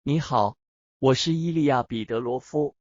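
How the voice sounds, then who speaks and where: A man giving quick, matter-of-fact translations in a language lesson. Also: mid-range voice, darkish tone, no echo, muffled recording.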